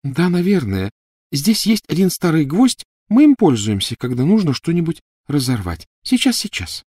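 Man doing a dreamy, high-voiced girl. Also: very animated, moderate pace, a little mellow, slightly rough, dry recording. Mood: gentle.

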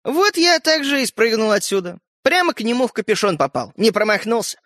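A man's voice: very high voice, no echo, studio quality, voice pushed up, full character voice. A man voicing a tiny cheeky toy boy. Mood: cheeky, boastful. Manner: cheeky, quick, excitable. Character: tiny boastful sly living toy boy.

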